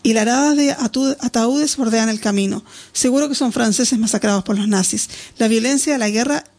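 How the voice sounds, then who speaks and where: A woman narrating an audiobook in a steady, descriptive reading. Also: a little high, fairly quick.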